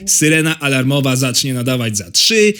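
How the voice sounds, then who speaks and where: A man's voice: mid-range voice, sing-song, moderate pace, noisy background, lightly acted. A man voicing the sardonic inner thoughts of a world-weary baby in a comedy monologue, crude and grumbling. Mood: bored, grumbling. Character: cynical, foul-mouthed baby's inner voice, world-weary.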